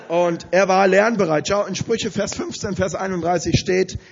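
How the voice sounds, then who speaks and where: A man with a high voice tells a funny story, animated and often breaking into laughter. His storytelling builds toward a sermon point. The recording sounds dull and lo-fi. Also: normal speed, creaky, slightly rough. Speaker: preacher.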